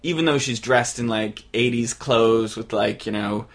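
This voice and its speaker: A man co-hosting a casual film-review podcast, chatty and animated, rambling with lots of fillers. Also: mid-range voice, unhurried. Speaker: podcast co-host.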